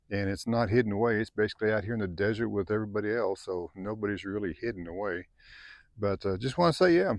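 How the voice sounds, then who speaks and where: A man's voice: fairly low pitch, creaky, no echo. A middle-aged man talking casually to camera at a desert camp, rambling easily with lots of fillers. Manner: easygoing, rambling, many fillers. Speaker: vlogger. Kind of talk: casual vlog talk to camera.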